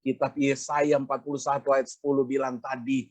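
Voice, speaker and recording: A man's voice: mid-range voice, flat delivery, fairly quick, dry recording. A male pastor preaching, telling a personal story and addressing the congregation directly, acting out the voices of the people in it. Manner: addresses congregation repeatedly, acts out quoted voices.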